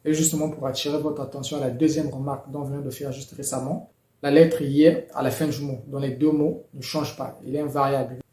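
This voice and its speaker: Man, language teacher, methodical explanations, mellow tone, roomy echo. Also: medium pitch, fairly even intonation, slight background noise. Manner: measured, methodical, with frequent fillers. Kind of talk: explanatory lesson.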